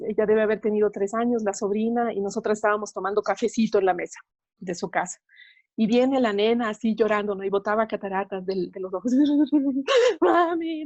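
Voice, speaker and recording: A woman's voice: mid-range voice, a little mellow, no room sound. A woman psychologist speaking as an interview guest, explaining patiently, often adding tag questions and light laughs. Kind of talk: interview talk.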